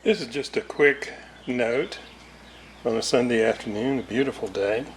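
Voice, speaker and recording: A hobbyist radio restorer presenting a repair series explains technical details casually and without a script, thinking aloud hesitantly in broken phrases. His voice is medium-pitched at a moderate pace, recorded on a distant mic in a roomy space with clear ambient noise.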